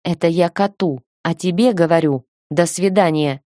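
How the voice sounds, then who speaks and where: A woman's voice: on the low side, normal speed, dark tone, no echo, studio quality, lightly acted. A woman voicing an exasperated young man who snaps curt orders, in an audiobook reading. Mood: fed up. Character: young man, the fiancé, blunt and fed up.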